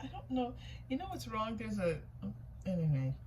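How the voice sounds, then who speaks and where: A woman with a somewhat high, sing-song voice and darkish tone speaks at a moderate pace on a rough recording. She hosts a casual tarot reading, musing aloud, repeating herself, and questioning what she sees, with clear background noise and room ambience.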